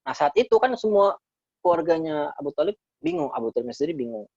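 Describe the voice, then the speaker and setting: A man gives a conversational Quran lesson and unpacks Arabic verses line by line, often repeating himself for emphasis. His voice is somewhat husky and sits dry and close. The recording is slightly dull and lo-fi. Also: a little high, fast talker, dry recording. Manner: explains Arabic verses phrase by phrase, repeating key words; addresses listeners as friends, relaxed and conversational. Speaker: Islamic teacher. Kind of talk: casual Quran study talk.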